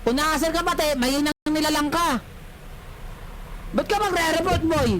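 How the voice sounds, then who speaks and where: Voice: high voice, normal speed, background noise. A livestreamer ranting at the chat in a taunting, teasing way, repeating the same jabs again and again. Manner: mocking, repetitive, teasing catchphrases. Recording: loud background music over voice. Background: loud music.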